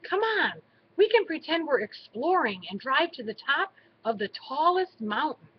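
A woman's voice: sits high, sing-song, normal speed, lo-fi sound, a little hiss or hum, pitched above the performer's own voice. A woman voicing an eager, adventurous young female mouse in a storybook reading. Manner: eager, persuasive.

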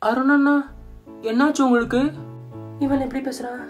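A young woman acting in a comedy skit, bossy and quick to scold. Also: high voice, level tone, faint music behind.

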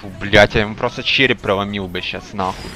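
A man's voice: lowish voice, fairly even intonation, fairly quick, soft background music. A man raging as a gamer in voice chat, swearing and making threats. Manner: raging, threatening, foul-mouthed.

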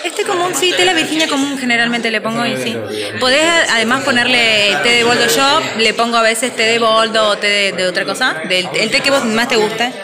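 A woman's voice: a little high, brisk. A young woman with an Argentine accent from Entre Ríos, chatting upbeat as she vlogs on a phone. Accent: Argentine Spanish. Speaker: vlogger. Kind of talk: casual vlog. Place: busy hostel common area indoors. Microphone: handheld phone camera. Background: crowd chatter.

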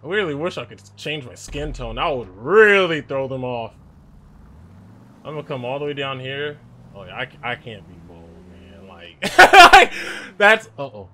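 Excitable young man gaming, bright voice. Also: mid-range voice, normal speed. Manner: excitable, nervous, yells when chased. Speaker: gaming YouTuber. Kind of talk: game commentary.

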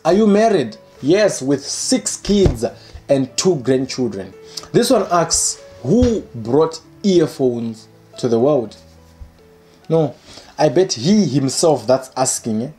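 A young man in his twenties hosting his own channel, reading comments aloud and joking about them in a playful, animated way, recorded indoors by a window. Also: a little high. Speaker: channel host. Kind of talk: casual comedic commentary. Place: indoor room by a curtained window.

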